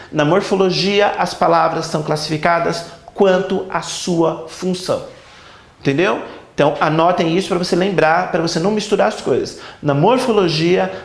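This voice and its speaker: A man's voice: high voice, gravelly, echoey room. A man teaching a grammar class, emphatic and repetitive, checking often whether students follow. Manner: emphatic, repeats key points with rhetorical checks. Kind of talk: classroom lecture.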